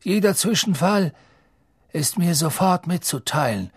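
A man voicing a calm, kindly old headmaster who gives instructions in a gentle, measured way. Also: fairly high pitch, slightly rough, dry recording, studio quality, voice pushed up. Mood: calm instructing.

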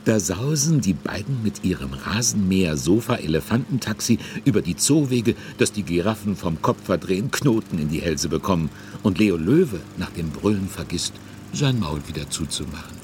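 A man's voice: sits low, moderate pace, a little hiss or hum. A man narrating a scripted children's story in a genial, amused and wry manner. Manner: wry, lively.

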